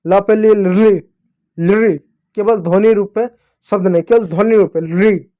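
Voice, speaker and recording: A man teaching young children to read, speaking slowly and repeating each syllable for them to say after him. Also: sits high, fairly even intonation, dark tone, highs cut off. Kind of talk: Hindi reading lesson for children.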